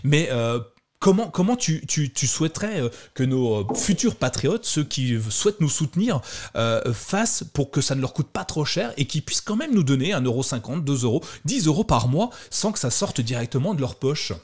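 A man's voice: a little high, very animated, moderate pace, a little mellow. A man hosting a casual tech podcast, talking with many fillers and restarts. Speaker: podcast host.

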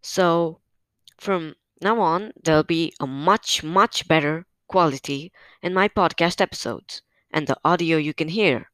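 Podcast host, nervous, halting, slow, clean crisp voice, dry home recording. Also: mid-range voice, fairly bright tone, no echo. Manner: hesitant, many fillers and restarts, admits nervousness. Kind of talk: casual solo podcast update. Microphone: new podcast microphone on a stand.

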